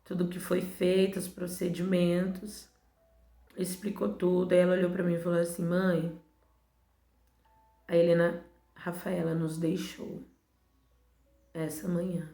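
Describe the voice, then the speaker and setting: A woman missionary giving a soft, emotional faith testimony that often drops into hushed, faltering passages. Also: fairly low pitch, monotone, measured pace, gravelly, pauses often. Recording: roomy echo with faint background music.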